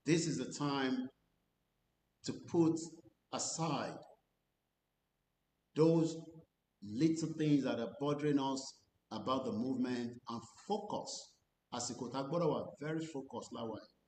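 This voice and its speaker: A man's voice: a little slow, long pauses, darkish tone. A man giving earnest commentary, switching between English and Yoruba. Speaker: channel host. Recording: echoey room with faint rumble.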